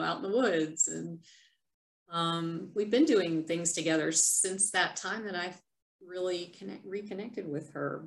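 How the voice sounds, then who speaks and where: A woman reading her own poem and then talking it over in a soft, unhurried, reflective way. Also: lowish voice, gravelly. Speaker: vlogger sharing her poems. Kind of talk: poetry reading and reflective talk. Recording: echoey room.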